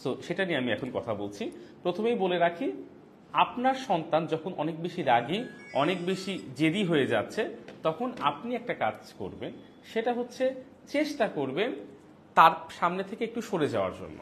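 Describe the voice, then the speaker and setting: A man with a Bangladeshi Bengali accent hosts a live parenting talk, acting out quoted lines with a lively delivery. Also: on the high side, a little hiss or hum.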